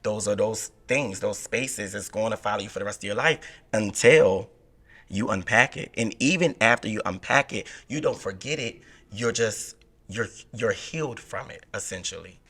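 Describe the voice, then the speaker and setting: Therapist guest, man in his thirties, slightly low voice, patient explainer. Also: normal speed, fairly bright tone, husky. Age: 30s. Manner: explanatory, asks rhetorical questions. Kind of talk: casual podcast chat.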